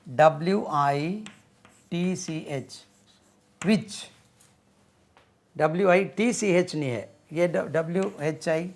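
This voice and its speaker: A man leads a spoken vocabulary lesson, his voice sitting a little high. He moves very slowly, spelling words letter by letter and checking with his listeners through a steady stream of "right?". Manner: patient, repetitive, asks "right?" often. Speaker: English teacher.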